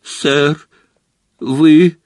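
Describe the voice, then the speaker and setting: A man voicing a desperate teenage boy wizard who pleads and shouts frantically. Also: a little high, steady tone, drawn-out words, no echo, studio quality, pitched above the performer's own voice.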